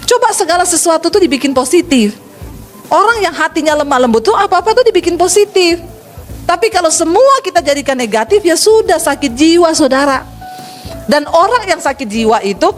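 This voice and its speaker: A middle-aged woman pastor from Sulawesi delivers a lively sermon, calling her listeners brothers and sisters. Her voice sits high, and she jokes and acts out the voices of the people she quotes. Faint music plays underneath. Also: brisk. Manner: lively, humorous preaching, acts out quoted voices, addresses congregation as saudara.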